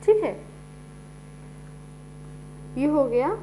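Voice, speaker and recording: Speaking very slowly in a high, mellow, animated voice, a woman teacher walks through a lesson step by step, repeating "ठीक है" often. The low-quality recording has a faint mains hum.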